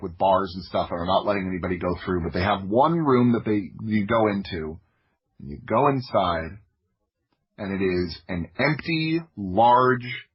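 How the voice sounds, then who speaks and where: An American podcast guest from Florida, who creates audio dramas, tells stories in a casual, conversational way. He keeps interrupting himself and sprinkles in "like." His voice is on the low side with a breathy edge, and the audio is dull.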